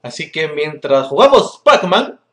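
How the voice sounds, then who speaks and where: A man with a Peruvian accent hosting a gaming video, telling a story between constant swearing and excited outbursts at the game. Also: on the high side, a little slow. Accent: Peruvian Spanish. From Peru. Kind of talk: casual gameplay commentary. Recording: echoey room under loud music.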